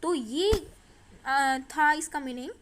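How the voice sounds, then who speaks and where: A woman teaching English vocabulary in Hindi, explaining slowly and repeating words, often checking with her students. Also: high voice, fairly bright tone, a little hiss or hum. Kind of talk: vocabulary lesson.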